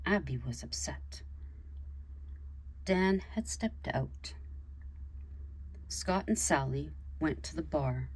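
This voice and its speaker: A woman with a low, husky voice reads her own story aloud at an unhurried pace. She keeps the narration plain and lifts her voice for the characters' lines, recorded on a simple home setup. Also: animated, a little mellow.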